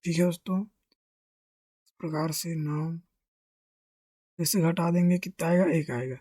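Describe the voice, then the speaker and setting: A maths teacher explains a lesson step by step in a mellow, warm voice. Questions are posed and answered in the same breath, with constant friendly address to the viewers. The sound is close and dry, with no room echo. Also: medium pitch, steady tone, a little slow. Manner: asks questions and answers them himself; keeps addressing listeners as friends.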